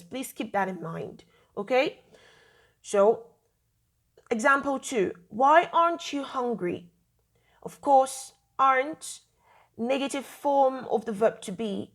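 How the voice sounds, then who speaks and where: A woman teacher giving a recorded grammar lesson, patiently repeating key points with many fillers. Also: a little high.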